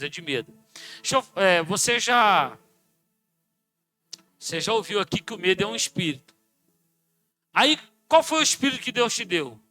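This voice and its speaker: A Brazilian pastor preaches with a very high, piercingly bright voice. He swings between loud shouted lines and quiet muttered asides, acting out little dialogues. Soft music plays faintly behind him. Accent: Brazilian Portuguese. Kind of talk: sermon. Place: church.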